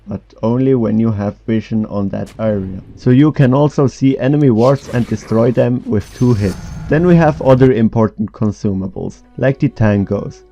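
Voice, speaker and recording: A man delivers scripted explainer narration in a dark, mellow voice with a gravelly creak. The recording is dull and lo-fi, with faint music underneath. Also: mid-range voice. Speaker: documentary narrator.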